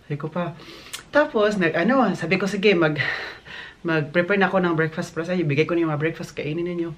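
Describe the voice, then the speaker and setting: A hotel worker from the Philippines vlogs indoors at a hotel, chatting casually to his phone camera and acting out what guests said. His fairly high, fairly bright voice moves fast, and he's chatty, mixing English into Tagalog.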